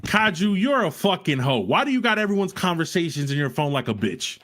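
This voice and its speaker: A man hosting a stream, loudly mocking and trash-talking another caller, repeating his insults. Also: a little high, very animated, brisk. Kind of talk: heated trash talk on a live stream.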